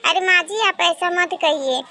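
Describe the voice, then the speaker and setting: A man's voice: very high-pitched, moderate pace, pushed and bright, no room sound, exaggerated voice. A man voicing a humble, polite young bride in a cartoon, speaking meekly. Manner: meek, respectful. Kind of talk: cartoon voice acting.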